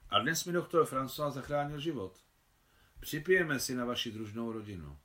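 A man's voice: medium pitch, lively intonation, sharp tone. A man voicing a bold young Russian countess.

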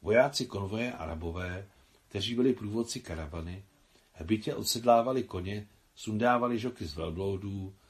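A man reads a novel aloud in a steady audiobook narration. His voice sits low, and he takes his time with frequent pauses. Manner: measured, unhurried reading with frequent pauses. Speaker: translator reading his own translation.

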